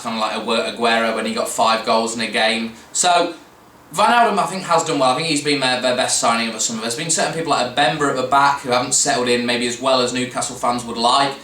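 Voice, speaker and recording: Man, casual football preview, rambling, bright tone, distant mic, faint hiss. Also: medium pitch. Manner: chatty, rambling with restarts and fillers. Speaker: fan podcast host. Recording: roomy echo, mic at a distance, faint background noise.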